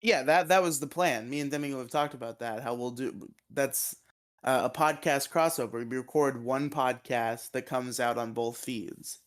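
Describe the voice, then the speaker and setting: A man's voice: mid-range voice, moderate pace. A man co-hosting a podcast in casual chat, sleepy and yawning, rambling with lots of fillers. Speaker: podcast co-host.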